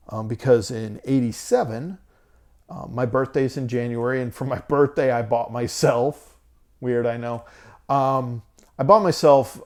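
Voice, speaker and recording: A man's voice: mid-range voice, darkish tone. A man in his forties talking casually to camera about his records, hesitant with many ums and restarts, losing his voice. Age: 40s. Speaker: vinyl collector vlogger.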